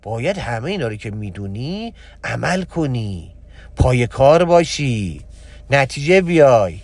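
Emphatic, lively-voiced religious teacher. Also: male voice, dry recording. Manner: emphatic, repetitive, swings between loud exhortation and low confiding tone. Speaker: spiritual teacher. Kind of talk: religious motivational talk.

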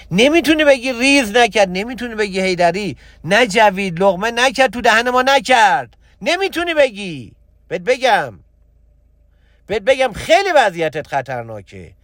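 Emphatic, lively-voiced religious teacher. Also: male voice, dry recording. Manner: emphatic, repetitive, swings between loud exhortation and low confiding tone. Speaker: spiritual teacher. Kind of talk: religious motivational talk.

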